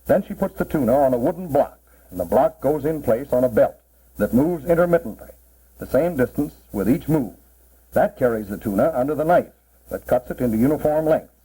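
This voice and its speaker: A man's voice: mid-range voice, expressive, brisk, warm tone, breathy edge. A man narrating a 1940s promotional film as a cannery guide, in a plain, instructive mid-century style. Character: cannery man proudly explaining the packing process. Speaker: narrator explaining a cannery tour. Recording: muffled, worn 1940s film soundtrack.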